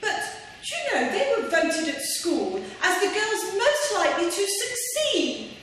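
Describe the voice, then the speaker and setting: A snobbish, gloating stepmother in a stage pantomime. The voice is shrill, very high and camp, drawn out with haughty relish. It carries from far off in a very echoey hall. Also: wildly swooping pitch, a little slow, a bit bright, slight background noise, exaggerated voice. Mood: bossy, impatient. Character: wicked, snobbish, gloating pantomime stepmother, middle-aged woman. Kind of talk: theatrical stage pantomime acting.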